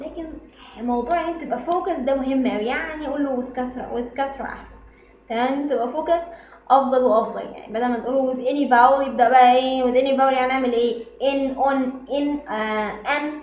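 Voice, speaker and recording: High-voiced Egyptian woman teaching in an echoey room. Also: darkish tone. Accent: Egyptian Arabic. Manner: switches between quick Arabic asides and slow, careful English explanation. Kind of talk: online lesson, Arabic mixed with English. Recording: roomy echo, faint ambient noise.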